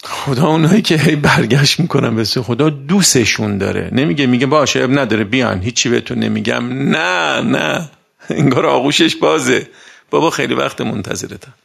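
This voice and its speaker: A man preaching a conversational sermon in a colloquial way, slowing down for emphasis and asking his listeners rhetorical questions. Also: medium pitch, creaky, fairly bright tone, breathy edge.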